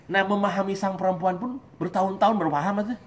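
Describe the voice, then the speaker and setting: Lively joking man preaching to a group. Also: high voice, fast talker, slight background noise. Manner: lively, joking, acts out husband and wife voices. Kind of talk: religious study talk.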